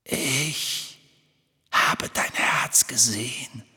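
A man voicing a menacing male spirit trapped in a locket, speaking in slow hissing whispers. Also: medium pitch, pushed and bright, slightly rough, in a large hall, heavily acted. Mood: hissing, taunting.

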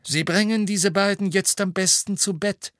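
A man's voice: high-pitched, steady tone, normal speed, a bit bright, no room sound, clean studio sound, voice pushed up. A man voicing a spiteful, blustering middle-aged minister in an audiobook. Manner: spiteful, bellowing. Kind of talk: audiobook reading.

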